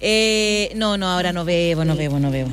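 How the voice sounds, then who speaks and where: A woman's voice: lowish voice, fairly quick. A Chilean woman hosting a casual live radio chat, playful and teasing, with a voice that sounds like a sweet granny's. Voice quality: grandmotherly-sounding voice. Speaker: local radio host. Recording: music playing behind the voice. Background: music.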